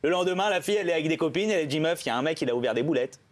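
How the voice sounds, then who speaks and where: A young male comedian with a notably high voice works through a run of stand-up jokes. He acts out every character's lines himself, jumping his pitch up or down for each one as he tells the story. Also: animated. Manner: quick joke delivery, acts out characters' lines with shifting pitch. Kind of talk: stand-up joke telling.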